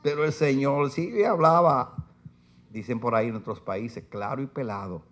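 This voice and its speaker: A man's voice: medium pitch, moderate pace, fairly bright tone. A man preaching a sermon in church, reading scripture aloud with force and putting rhetorical questions to his listeners. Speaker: pastor. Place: church sanctuary.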